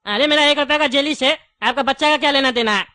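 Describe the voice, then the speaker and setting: A woman's voice: sits high, bright, forceful tone. A woman voicing a chatty, wary male candy shopkeeper in a cartoon. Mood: indignant. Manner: chatty, wary, quick to take offence. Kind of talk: cartoon voice acting.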